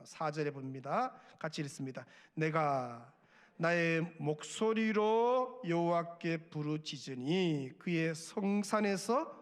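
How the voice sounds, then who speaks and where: High-voiced earnest man preaching. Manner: earnest preaching, swings from hushed murmurs to raised exhortation. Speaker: pastor. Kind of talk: sermon at a Friday prayer meeting.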